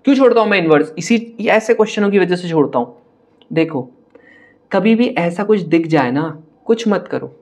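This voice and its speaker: A young man with a high, bright-sounding voice talks a class through maths problems step by step. He chats straight at the students and brushes off hard-looking questions with a teasing laugh in his voice. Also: animated. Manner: brisk, chatty, addresses students directly, mocks hard-looking questions. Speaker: maths teacher. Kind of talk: online exam-prep lesson.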